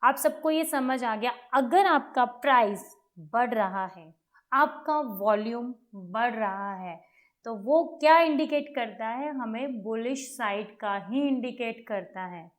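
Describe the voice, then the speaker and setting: A woman teaches beginners over a screen share, her voice a touch higher than most. She explains patiently, repeats each step and keeps checking that everyone has followed. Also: expressive, takes it slowly. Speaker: trading educator.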